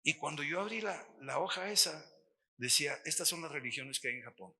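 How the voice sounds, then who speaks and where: A middle-aged Mexican man giving a lively testimony sermon at a missions workshop, acting out the dialogue as he tells the story. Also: on the high side, fairly quick, vocal fry, breathy edge. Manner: animated storytelling, acts out dialogue.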